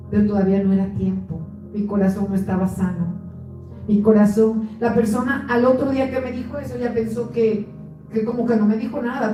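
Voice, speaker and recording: A woman's voice: medium pitch, muffled recording. A woman pastor giving an earnest sermon. She often restarts words and acts out the voices she quotes. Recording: echoey church room, mic at a distance, faint music.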